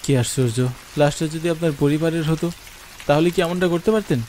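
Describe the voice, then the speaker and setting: A man with a fairly high, darkish voice narrates briskly, the rain clearly audible around him. It's a scripted, dramatic first-person horror story, performed theatrically and earnestly.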